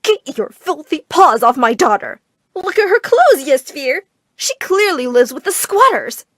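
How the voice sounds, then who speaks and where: A woman's voice: fairly high pitch, animated, brisk, no echo, clean studio sound. A woman voicing a middle-aged mother who dotes on her daughter and screeches bossy, melodramatic demands. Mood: shrill. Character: shrill doting overbearing mother, middle-aged.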